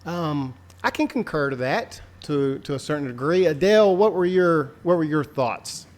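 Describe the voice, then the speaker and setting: A man's voice: fairly high pitch, expressive, moderate pace. A man hosting a casual podcast, introducing guests in a loose, jokey way with plenty of fillers. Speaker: podcast host.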